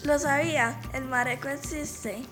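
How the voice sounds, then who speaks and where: A woman's voice: high-pitched, steady tone, unhurried. A woman playing a bossy big-sister girl. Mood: triumphant. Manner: insistent, tells spooky tales in a hush. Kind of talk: storybook character voice. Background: music.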